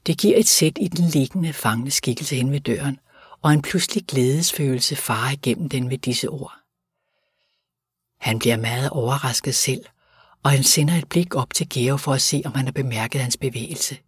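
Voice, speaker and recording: Husky male audiobook narrator. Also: medium pitch, no echo, studio quality. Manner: even, measured reading. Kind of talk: scripted narration.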